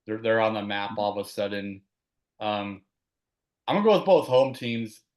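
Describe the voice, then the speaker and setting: Low-voiced man hosting sports chat. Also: animated, normal speed, a little mellow. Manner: easygoing, steers the topics. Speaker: host. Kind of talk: casual sports talk.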